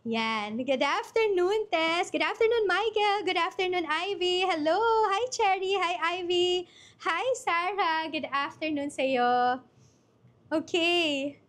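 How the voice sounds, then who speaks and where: A high-pitched Filipino woman hosts a casual live stream, her voice slightly worn after a recent bout of cough and flu. She chats warmly with her audience and greets viewers one at a time by name. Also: slow. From Philippines. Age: adult mother. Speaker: host of a live online workshop.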